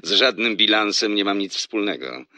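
A deep-voiced flirting salesman. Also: expressive, normal speed, sharp tone, no echo. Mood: teasing. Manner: playful, laughs often, teasing. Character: flirtatious smooth-talking male salesman on phone. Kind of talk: radio drama acting.

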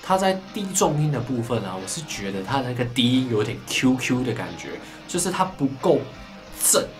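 Over background music, a tech reviewer with a Taiwanese Mandarin accent unboxes and reviews a gadget, his medium-pitched voice sing-song. He chats casually and stretches out lots of sentence-final particles, captured on a camera mic.

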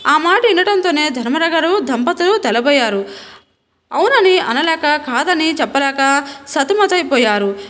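High-voiced woman reading a novel aloud. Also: lively intonation, a little slow, a bit bright. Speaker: novel reader. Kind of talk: storybook narration.

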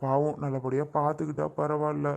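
A man's voice: on the high side, completely flat delivery, fairly quick, creaky, darkish tone. A man playing a younger brother who consoles his sister, talking in an earnest, reassuring way in a family drama skit.

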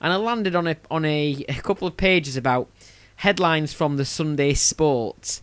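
A man's voice: a little high, moderate pace, a bit bright, smooth, no room sound. A man with a Yorkshire accent hosting a podcast in a casual, rambling way, often restarting his sentences. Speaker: podcast host.

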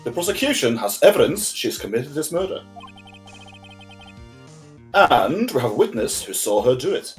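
A man voicing a cold, haughty male prosecutor in a game playthrough, speaking low and formally. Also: very animated, moderate pace, long pauses, faint music behind, natural voice. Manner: low, formal courtroom delivery.

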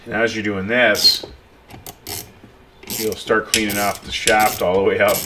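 At his workshop bench, a pool and spa repair technician with a lowish voice explains a repair in an unhurried, flat delivery. He addresses the viewer plainly and without polish while working through this casual hands-on tutorial, with tool clicks and workshop noise in the background.

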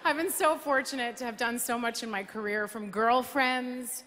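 This woman speaks at a fairly high pitch with a steady tone and moderate pace while hosting an awards show. Her comedic monologue on the big arena stage is playful and self-mocking, punctuated by bursts of song. Background noise, a loud live crowd, applause and cheering fill the recording.

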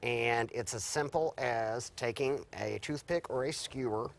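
Middle-aged chef explaining a recipe. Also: male voice, mid-range voice, unhurried, creaky. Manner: relaxed, explanatory, with small restarts. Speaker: guest chef. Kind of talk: cooking demonstration. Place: TV studio kitchen set.

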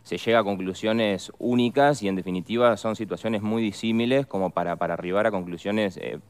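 A man's voice: on the low side, steady tone, fairly quick, clean tone. A man working as a defense lawyer, explaining legal points with care in a studio interview and often repeating words as he searches for the exact phrasing.

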